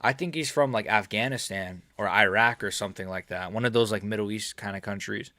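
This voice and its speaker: Fairly low-pitched and brisk, with a sharp edge, an American man in his early twenties answers chat questions on his MMA live stream. His talk is casual and meandering, full of fillers and laughs, and the recording is dry.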